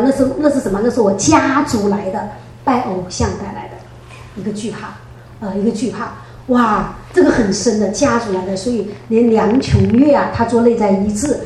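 A woman giving a spoken church testimony, telling her story in a lively way, often laughing and stretching out her sentence particles. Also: a little high, a little hiss or hum. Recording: very echoey room, distant mic.

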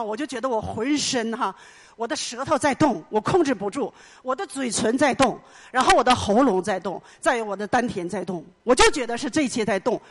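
A middle-aged woman giving an emotional personal testimony in church, telling her story earnestly and with much repetition. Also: a little high. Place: church hall.

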